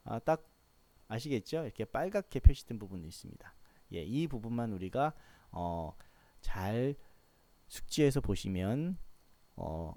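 A man teaching pronunciation in a patient lesson, repeating each sound clearly for students to copy. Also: mid-range voice, darkish tone, no echo. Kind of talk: explanatory lesson with modelled sounds.

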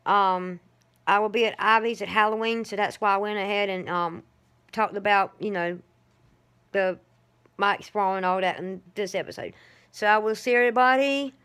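A woman's voice: mid-range voice, fairly even intonation, moderate pace, fairly bright tone, clear, resonant tone. A woman hosting her own vlog, chatting casually at home into a handheld camera, rambling with lots of fillers. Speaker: vlogger host.

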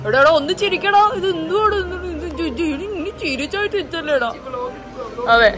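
A young woman at a crowded house-warming party, coaxing a baby with high-pitched baby talk into a handheld phone. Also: animated, brisk. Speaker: vlogger. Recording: party crowd chatter behind.

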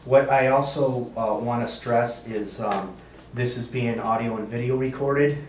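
A male state police investigator running a formal interrogation, halting with many uhs and ums, heard on an interrogation-room tape recording. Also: medium pitch, fairly even intonation, a little mellow. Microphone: fixed room camera mic. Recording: roomy, distant, faint hiss.

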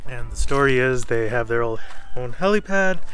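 A man presents a travel vlog in a casual, conversational way, with a mid-pitched voice. He addresses his viewers informally as he shows them around. Clear background music plays behind him. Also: animated, normal speed, a bit bright. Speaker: travel vlogger.

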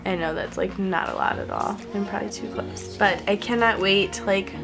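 She's in her twenties, a beauty vlogger doing a casual haul from a house's upstairs hallway, sitting near her camera's mounted mic with music in the background. Her mid-range voice is creaky and moderately paced, scratchy and blocked up from a cold, and she laughs often.

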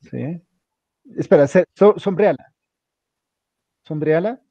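A man instructs a computer class, walking his student through each click and repeating himself as he goes. His voice sits somewhat high and is mellow. The dry, dull lo-fi recording gives it a flat, close quality. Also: takes it slowly, no room sound. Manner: directive, repeats instructions step by step.

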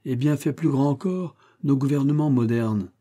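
A man's voice: medium pitch, normal speed, dark tone, pitched above the performer's own voice, close to an everyday voice. A man reading the lines of an intense young man who philosophizes grandly at a drunken feast. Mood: declaiming.

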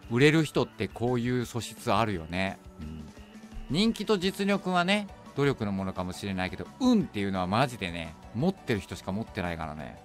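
A man's voice: on the low side, big pitch swings, a little fast, soft background music. A man with a Kansai accent chatting casually and joking while streaming a game. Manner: chatty, joking, teasing asides. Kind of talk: casual gameplay commentary.

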